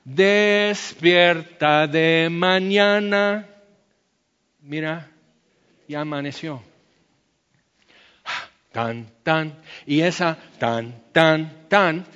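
A man's voice: mid-range voice, fairly bright tone, big-room sound, lo-fi sound. A man preaching a sermon, breaking into sung hymn phrases to make his point and ending in prayer. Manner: slow, sings phrases of hymns to illustrate. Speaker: pastor.

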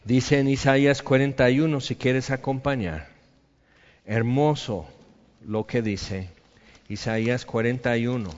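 Guy preaching a sermon, slow and drawn out, gets loud then drops soft, long hall echo. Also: medium pitch, highs cut off. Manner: preaching with emphatic swings between loud and soft. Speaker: pastor.

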